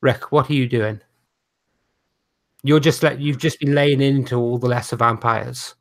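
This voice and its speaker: A man's voice: mid-range voice, steady tone, unhurried. A man narrating a tabletop role-playing game as game master, hesitant and full of fillers.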